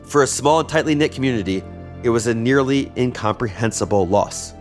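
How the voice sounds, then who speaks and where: Male podcast host, scripted history narration, wry, conversational, middle pitch, faint music behind. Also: a little fast.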